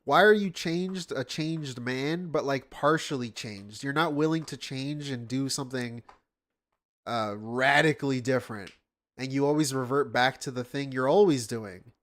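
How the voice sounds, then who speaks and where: A man's voice: mid-range voice, moderate pace, fairly bright tone. A man hosting a reaction stream, commenting sarcastically and scoffing at what he watches.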